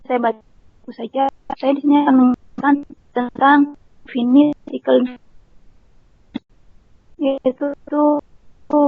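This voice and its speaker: A nervous woman student giving a halting class presentation over a video call whose audio keeps breaking up. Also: high voice, gravelly, no echo. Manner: hesitant, halting, many fillers. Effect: choppy, breaking-up call audio. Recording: muffled, glitching online call audio.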